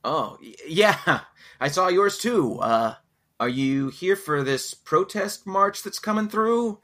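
Dude reading an awkward friendly guy, stammery, bright sharp voice. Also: sits high, animated, slow, pitched above the performer's own voice, heavily acted. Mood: sheepish. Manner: stammering, nervous laughs. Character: friendly, awkward man, a hired protester.

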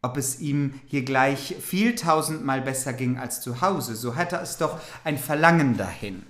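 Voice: medium pitch, expressive, unhurried, a bit bright. A podcast co-host reading an old fairy tale aloud, stumbling now and then over old words. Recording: roomy echo.

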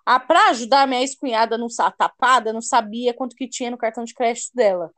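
A young woman hosting a podcast tells a heated story in a casual chat, acting out the lines of other people and swearing at times. Her fairly high voice is animated and quick-paced, and the recording is dry.

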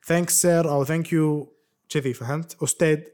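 A man's voice: a little high, fairly even intonation, moderate pace, a little mellow. A man chatting as a podcast co-host, playful and quizzing his friend. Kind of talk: casual chat.

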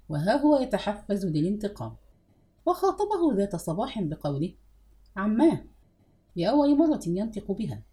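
Woman narrator, audiobook novel, lively pitch, mellow warm tone.

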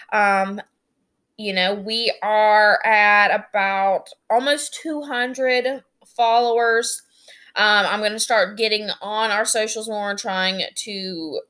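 Young Southern US woman, podcast co-host, chatty and rambling with self-deprecating asides, mid-pitch voice. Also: bright, forceful tone. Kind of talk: solo podcast intro, casual chat.

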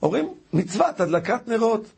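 A man's voice: sits high, sing-song, vocal fry, darkish tone, breathy edge. A man who is a rabbi, delivering a storytelling sermon with dramatic rises on key words.

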